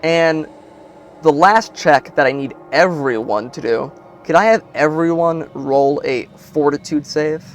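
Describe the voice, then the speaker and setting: A man running a tabletop game, narrating scenes with some fillers. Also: a little high. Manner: unhurried descriptive narration with fillers. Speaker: game master.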